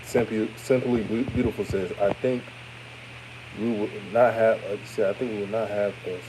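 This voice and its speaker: This is a casual postgame livestream where a thirty-year-old host from Houston, Texas reads and answers comments, treating viewers like family. His older-sounding radio voice is on the low side and steady, at a moderate pace, with noise in the background.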